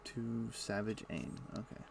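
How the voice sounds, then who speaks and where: Playing a video game on stream, a man mutters along with wry, dry asides in a relaxed commentary style. His fairly low, fry-tinged voice moves a little slowly, and steady noise sits in the background.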